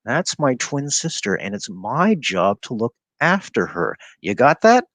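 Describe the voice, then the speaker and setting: A man voicing a tough schoolboy guarding his twin sister, speaking slowly and coldly in a storybook reading. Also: mid-range voice, very animated, a bit bright, no echo. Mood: threatening. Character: tough protective twin-brother schoolboy, cold.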